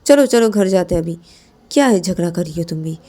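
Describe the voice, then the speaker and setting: A woman voicing a patient young partner who coaxes and pleads softly. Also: lowish voice, expressive, fairly quick. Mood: pleading. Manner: soothing, pleading, repeats "arre".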